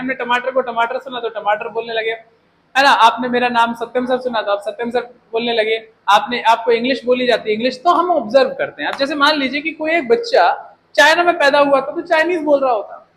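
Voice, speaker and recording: A young man with a Hindi accent teaching an English class, animated and jokey, often asking rhetorical questions. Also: extremely high pitch, rough recording. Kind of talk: classroom lecture. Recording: faint background noise.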